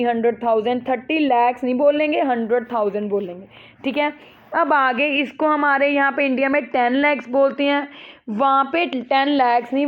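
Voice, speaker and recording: A high-pitched woman teaches a school math class, patient and repetitive. She keeps checking that her students follow along. Her voice comes through thin and tinny, like a phone line. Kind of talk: explaining a class 6 math lesson.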